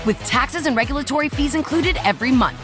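A woman reading a scripted ad as a bright sales pitch, with quick fine print at the end. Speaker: ad announcer. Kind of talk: scripted radio ad read. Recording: music bed behind.

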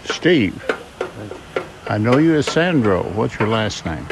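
A folksy man with a Southern Illinois drawl interviews campers in an easygoing, joking way. His voice sits fairly low. A faint outdoor hum runs behind him. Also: big pitch swings, slow. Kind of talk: casual interview. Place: campground outdoors.

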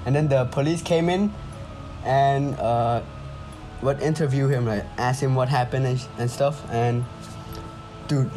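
A young Indonesian man with a mid-range, darkish voice chats and tells stories casually in slangy frat-bro talk packed with "bro" and "dude." Music plays behind him on a low-quality recording.

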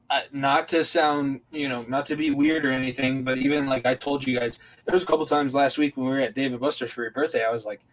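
A man's voice: medium pitch, rough recording. A young adult man hosting a casual podcast, talking earnestly and reflectively about teaching, with rambling restarts.

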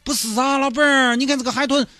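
A man with a Sichuanese accent voicing an excitable, soft-hearted man who gushes and wheedles for a dolphin's life. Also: fast talker, dry recording, studio quality, soft background music. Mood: pleading. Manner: shrill, gushing, wheedling.

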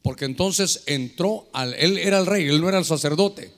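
A man preaching as pastor, animated and preachy, acting out prayers and dialogues as he answers questions. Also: a little high, moderate pace, big-room sound. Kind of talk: lively sermon with questions from listeners.

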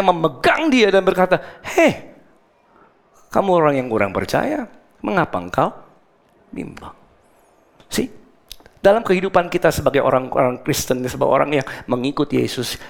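A man preaching a sermon as a pastor, animated, acting out the scripture quotes and slipping in English words. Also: on the high side, gravelly.

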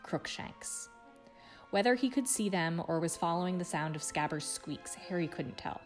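A woman reading a book chapter aloud in a hushed, suspenseful way. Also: on the low side, animated, fairly quick, soft background music. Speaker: guest reader.

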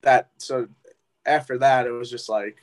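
Easygoing young musician from New Jersey. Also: male voice, mid-range voice, steady tone, a little slow. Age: young adult. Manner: easygoing, hesitant with fillers. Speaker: musician guest. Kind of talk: casual interview chat.

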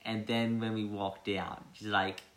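A man's voice: fairly low pitch, little pitch movement, unhurried, fairly bright tone. A young man hosting a casual chat podcast, rambling with many fillers and frequent laughs. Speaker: podcast host. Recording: echoey room.

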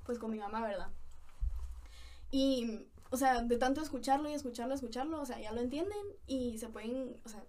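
A young woman from Brazil with a Brazilian Portuguese accent, chatting softly and giggling as a podcast guest. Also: a little high, moderate pace, recorded from a distance. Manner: soft-spoken, giggly, fillers like "o sea". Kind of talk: casual chat.

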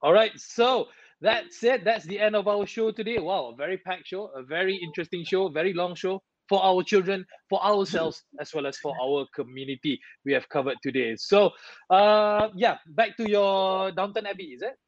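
A chatty Malaysian man hosts a casual show, slipping Malay words into his English and laughing easily. His voice sits a little high. The sound is dull and dry, with a slightly muffled edge. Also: moderate pace, dry recording. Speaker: show host. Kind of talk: casual chat.

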